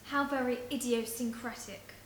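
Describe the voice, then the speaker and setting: A haughty, posh businesswoman , acted by a woman, drawling in a high voice, condescending to all. The sound is roomy, with a faint hiss behind it. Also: fairly even intonation, normal speed, lightly acted. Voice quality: posh, condescending, says darling. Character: posh self-important woman fashion designer. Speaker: sketch character. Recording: roomy echo, faint noise.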